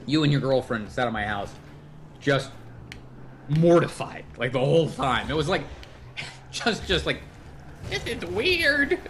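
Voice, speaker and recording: A man's voice: medium pitch, unhurried, pauses often, slight background noise. A man hosting a livestream podcast, telling stories in casual chat and swearing freely. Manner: animated storyteller who swears freely. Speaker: podcast host. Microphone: livestream podcast mic.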